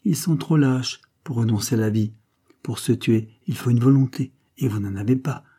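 A man's voice: mid-range voice, normal speed, dark tone, breathy edge, close to an everyday voice. A man reading an audiobook, voicing a scornful, domineering creole woman who talks in a cold, mocking tone. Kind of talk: audiobook character voice.

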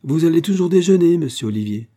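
Man voicing a young Parisian woman, lively, excitable, storybook read-aloud, pitched up. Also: quick pace. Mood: warm. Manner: bright, excited exclamations.

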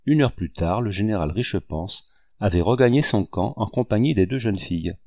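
A man narrating a historical novel aloud in a measured, even reading. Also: fairly low pitch, dry recording, clean studio sound. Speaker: audiobook reader. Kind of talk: scripted narration.

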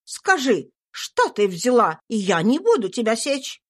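A woman voicing a stern, exasperated spinster aunt who scolds with sharp questions. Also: on the high side, very animated, a little slow. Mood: scolding.

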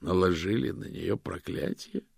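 A sharp male detective asks cold, sarcastic questions, voiced by the book's male narrator. His voice is low and gravelly. The recording is close and dry. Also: measured pace, no echo, exaggerated voice. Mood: cold questioning.

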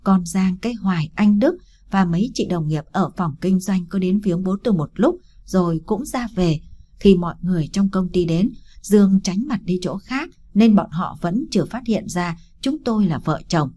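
A woman reading a first-person story aloud, steady and emotional. Her voice sits low and dark, with a husky, breathy grain. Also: moderate pace. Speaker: audiobook narrator.

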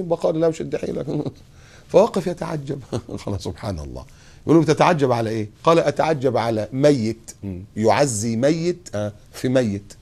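A man preaching a sermon in an Egyptian accent, acting out short everyday dialogues and dropping to a hushed tone for quotations. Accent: Egyptian Arabic. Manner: lively, acts out little dialogues, drops to a low hush for quotes.

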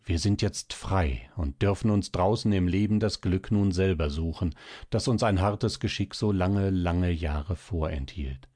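A devoted young lover in a storybook, speaking low, hushed and earnest, with a deep, mellow tone, as a male narrator voices him. The sound is dry and close. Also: measured pace, no echo. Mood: tender. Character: devoted young man, gentle and ardent suitor.

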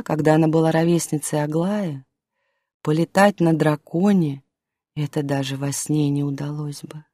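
Calm woman reading a fairy-tale audiobook. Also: low voice, dry recording, studio quality. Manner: calm, storytelling, softens to a hush in quiet scenes. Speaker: audiobook narrator. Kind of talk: scripted audiobook narration.

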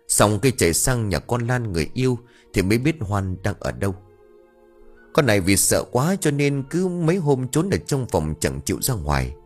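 A man narrating a horror audiobook in an expressive storytelling manner. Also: on the low side. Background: faint music.

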